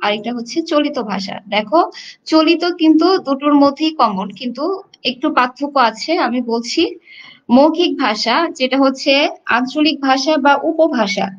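Speaking at normal speed in a high voice, a Bangladeshi woman explains a lesson to her students online. She talks to them directly with plenty of fillers, and the lo-fi recording sounds dull.

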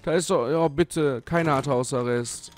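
A man's voice: medium pitch, measured pace, a little hiss or hum. A young man commenting on a horror game as he plays, scared and jumpy, swearing and talking to the game. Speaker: let's play gamer.

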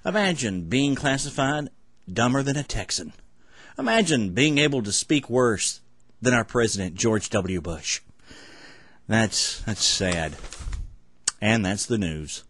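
Sitting at a desk in a small home room, a middle-aged man runs an amateur news show, reading items casually with wry, sarcastic jokes along the way. His mid-range voice is sing-song, slow and fairly bright with a breathy edge, and he pauses often. The recording is dry, captured on a desk mic close in front.

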